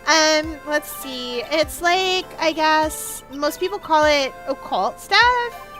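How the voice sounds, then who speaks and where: A woman's voice: sits high, lively intonation, takes it slowly, music in the background. A woman voicing a ditzy young university student in a video game, with a bubbly sorority-girl Valley Girl drawl full of filler words. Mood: vague, airy.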